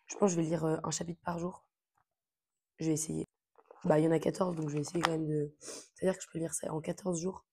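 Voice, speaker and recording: Chatty young woman, gravelly voice. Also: low voice, flat delivery, fast talker, pauses often, noisy background. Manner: chatty, informal, many fillers and slang. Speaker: book vlogger. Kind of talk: casual chat to camera.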